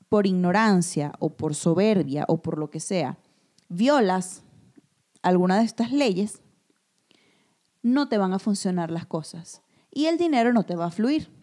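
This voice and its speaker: A woman, co-hosting a casual chat and telling stories with animated energy, who keeps calling her friend comadre. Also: medium pitch. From Venezuela. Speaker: podcast co-host.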